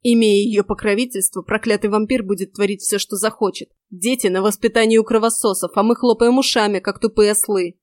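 A woman voicing an angry, blunt male werewolf pack leader in an audiobook, speaking forcefully. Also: mid-range voice, steady tone, a little fast, few pauses, no room sound, close to an everyday voice.

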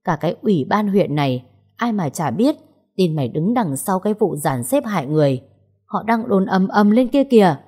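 A domineering older male official in an audio story, shouting harsh scolding at his daughter. His voice is raspy and strained, and it climbs well above the reader's usual low register. A woman narrator acts him out. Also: big pitch swings, moderate pace. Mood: furious scolding. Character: furious older male vice chairman, domineering father.

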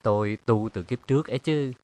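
A man's voice: medium pitch, brisk, warm tone, close to an everyday voice. A man voicing a reserved young male artist in an audiobook, mild and guarded. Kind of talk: audiobook character reading.

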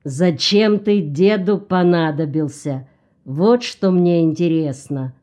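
A woman's voice: lowish voice, takes it slowly, mellow. A woman voicing a cold, mocking man. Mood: sardonic. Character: mocking scarred older man, cold and probing.

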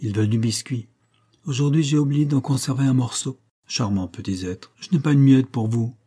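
Un homme qui lit un précepteur pauvre, triste et tendre, qui parle doucement à lui-même, dans un livre audio. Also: male voice, medium pitch, moderate pace, mellow, breathy edge, natural voice.

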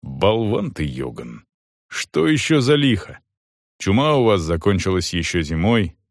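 A man's voice: sits low, very animated, measured pace, no echo, clean studio sound, heavily acted. A man voicing a blunt, commanding wounded soldier who speaks curtly. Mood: stern. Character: gruff wounded male soldier, stern master.

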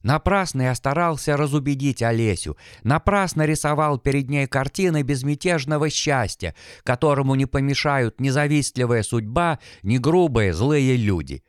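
A man narrating a classic novel in a measured, literary manner. His voice is smooth and clear, recorded close and dry. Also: medium pitch, no room sound. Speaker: audiobook narrator. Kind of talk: scripted narration.

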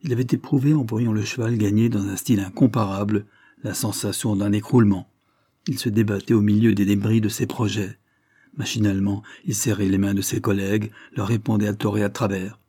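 A man narrating a classic novel as an audiobook, in a steady, measured reading. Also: on the low side, slightly rough, no echo, studio quality.

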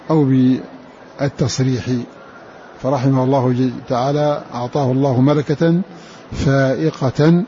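A man teaching the variant readings of the Quran, explaining slowly, repeating words and chanting verse lines. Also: medium pitch, warm tone, lo-fi sound, a little hiss or hum.

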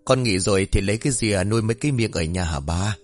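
A man voicing a hearty, middle-aged village boatman who talks in a loud, jovial, folksy way. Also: on the low side, lively intonation, quick pace, soft background music, lightly acted.

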